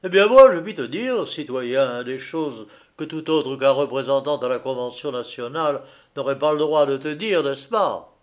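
A man's voice: medium pitch, animated, moderate pace, lightly acted. A man reading an audiobook, voicing a proud, anguished grown son who pleads urgently. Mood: persuasive.

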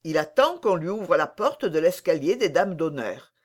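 A reader voicing a discreet, crafty manservant in an audiobook, low and confiding. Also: very animated, normal speed. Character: discreet, crafty male valet. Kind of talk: audiobook character reading.

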